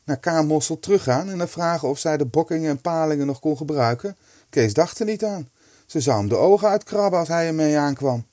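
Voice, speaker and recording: A man narrating a storybook in a lively, expressive reading. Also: fairly high pitch, fairly quick, no room sound, studio quality.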